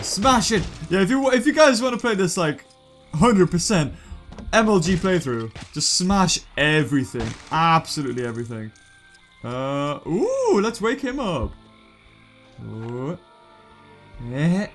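Casual gaming commentator, young man, British accent, jokey and excitable, high lively voice over quiet music. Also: measured pace. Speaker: gaming YouTuber.

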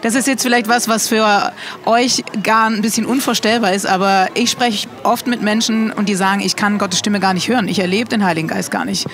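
A man's voice: high-pitched, fairly even intonation, a little fast, fairly bright tone. A man hosting an interview on faith, asking questions and affirming his guests often. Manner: friendly, affirming with frequent mhm. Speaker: host.

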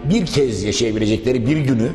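A male TV host with a medium-pitched, warm voice talks fast while conducting a formal promotional interview. He speaks in long, wordy, polite sentences, courteously addressing both viewers and his guest. The room is echoey and reverberant, with background music playing.

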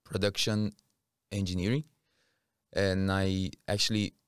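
This podcast guest, a man in his thirties from Rio, Brazil, talks casually in an interview, unhurried and with little pitch movement. His low, smooth voice is captured close on a boom-arm studio mic in a small curtained room, with no room sound at all.

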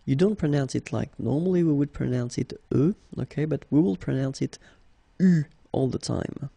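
A man's voice: mid-range voice, fairly quick, gravelly, dark tone, husky, dry recording. A man with a French accent teaching a language lesson, patiently drilling each verb form aloud. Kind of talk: slow, repetitive language lesson.

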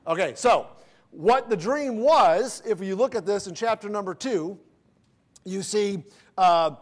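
A male pastor, preaching in a casual, folksy storytelling way and slowing down to read scripture aloud. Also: high-pitched. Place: church sanctuary.

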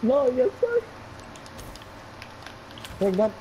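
A man's voice: very high-pitched, huge pitch swings, extremely slow, a crowd in the background. A man playing a shooter game with a friend, frustrated and swearing often. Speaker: gamer. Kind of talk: casual game chat.

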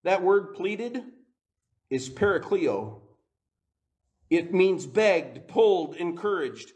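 Emphatic male pastor, slightly high voice. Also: big pitch swings, slow pace. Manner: laughs often, swings from quiet to rising emphatic climaxes. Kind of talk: sermon.

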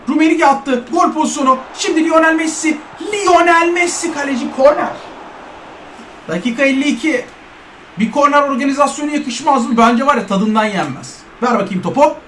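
Excitable man calling his own football game. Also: very high voice, echoey room, slight background noise. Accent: Turkish. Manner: play-by-play calls, shouting at chances, urging "bas bas". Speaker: gamer commentating his own match. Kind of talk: excited self-commentary while playing.

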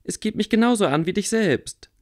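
A man reading aloud, voicing a stubborn, quick-tempered young witch girl in a raised voice. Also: animated. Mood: indignant. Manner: pleading, raised pitch.

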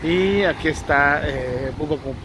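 A man's voice: a little high, measured pace, background noise. A man with a Mexican accent casually reviewing a restaurant for his travel vlog, talking hesitantly with lots of fillers and repeats, recorded outdoors by a street. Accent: Mexican Spanish. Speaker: travel vlogger.

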